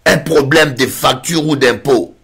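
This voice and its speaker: A man's voice: medium pitch, measured pace, husky. A man with a French Caribbean accent preaching a sermon, telling a funny story and acting out the voices in it. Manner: animated, acts out voices in anecdotes. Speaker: pastor.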